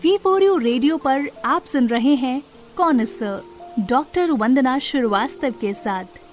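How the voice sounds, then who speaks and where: A woman with a high voice reads a radio station ident in a punchy promo manner. The voice has a distant radio sound. Soft music plays under it. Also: lively intonation, a little slow. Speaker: station announcer.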